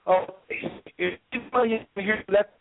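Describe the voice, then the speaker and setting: Male caller, a bit high-pitched, on a choppy phone connection that cuts in and out. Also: a little slow, no room sound. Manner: keeps checking if others can hear him. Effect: choppy phone line breaking up. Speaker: call participant. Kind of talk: casual group phone call. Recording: tinny, breaking-up phone line.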